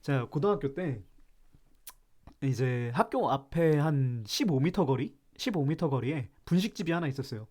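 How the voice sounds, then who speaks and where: A man's voice: a little high, lively intonation, moderate pace, a little mellow. A man from Chungcheong, South Korea, hosting a live stream and ranting about food in a playful, mock-serious way while reacting to chat.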